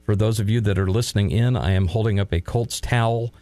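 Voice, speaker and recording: A man's voice: on the low side, a little fast, mellow, no room sound. A man co-hosting a local sports talk show, chatting casually with playful sarcastic asides.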